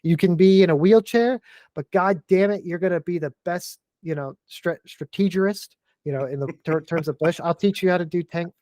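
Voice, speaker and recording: A man on a podcast launches into a heated, profanity-laced rant, his voice jumping between loud bursts and quieter asides. The sound is close and dry, with no room around it. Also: high-pitched, moderate pace, no echo. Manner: profane, fired-up ranting. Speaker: podcast guest. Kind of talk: casual podcast chat.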